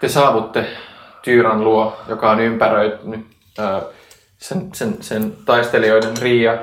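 A man running a tabletop game as game master, narrating the scene calmly with occasional filler sounds. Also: lowish voice, roomy sound, slight background noise.

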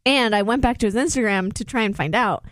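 A woman's voice: on the high side, fairly quick, dry recording, studio quality. A woman co-hosting a casual podcast chat, blunt and opinionated, laughing often. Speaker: podcast co-host. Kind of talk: casual chat recapping a reality show.

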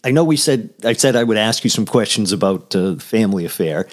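A man's voice: on the low side, expressive, fast talker. A man hosting a podcast interview, asking long, searching questions full of fillers. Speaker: podcast host.

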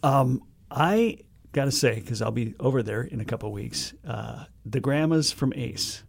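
A man's voice: medium pitch, animated, moderate pace, vocal fry, husky. An American man chatting casually as co-host of a shopping deals show. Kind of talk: casual co-hosted chat.

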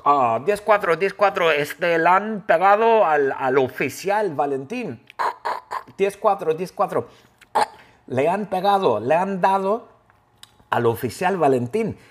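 A man's voice: mid-range voice, big pitch swings, normal speed, a little mellow, natural voice. A man voicing a male kangaroo police deputy calling urgently over a walkie-talkie, repeating radio codes.

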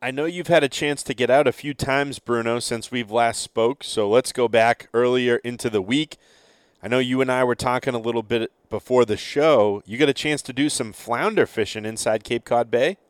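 A man hosts a fishing podcast interview in a clear, smooth voice. The sound is dry and close, with very little room around him. He speaks conversationally as he puts questions to guests. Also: mid-range voice, normal speed, no echo. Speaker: podcast host.

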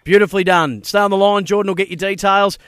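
A man's voice: high voice, steady tone, quick pace, a bit bright, smooth, no room sound, faint music behind. An Australian man presenting a live sports talkback show and quiz on radio, close on a studio microphone.

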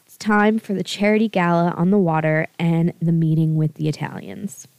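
A woman co-hosting a podcast, briskly summarizing a novel's plot in casual chat and laughing now and then. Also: fairly low pitch, darkish tone, no echo. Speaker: podcast co-host. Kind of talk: book recap, casual chat.

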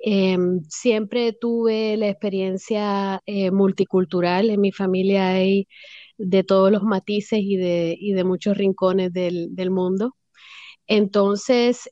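A woman, speaking thoughtfully as an interview guest with many pauses and fillers. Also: mid-range voice, warm tone, no room sound, muffled recording. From Puerto Rico. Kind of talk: reflective storytelling.

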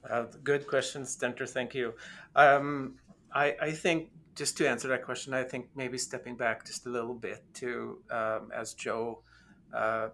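A man's voice: medium pitch, flat delivery, a little slow, vocal fry, a bit bright, slight background noise. A man from Norway, a guest professor in an interview, hesitant with many "um"s and restarts. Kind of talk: casual interview talk.

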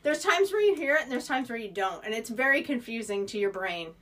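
A woman co-hosting a podcast, chiming in with quick quips and agreement in casual chat. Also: a little high, lively intonation, fairly bright tone. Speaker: podcast co-host. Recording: voice off-mic, distant.

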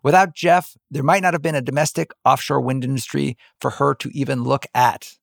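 A man co-hosting a podcast, telling the story in a relaxed conversational way with playful asides. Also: mid-range voice, fairly quick, gravelly, no echo, clean studio sound. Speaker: podcast co-host.

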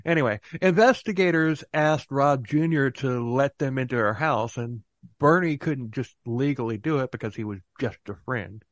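A man's voice: medium pitch, moderate pace, hardly any pauses, no echo. A man hosting a podcast in casual chat, laughing often as he talks. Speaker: podcast host.

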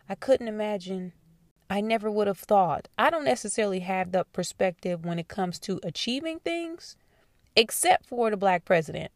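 An animated woman hosts a casual commentary podcast and talks straight to her listeners. Her voice sits fairly low and carries a gravelly edge. The recording is dry and close, with no room sound. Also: dry recording. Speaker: podcast host.

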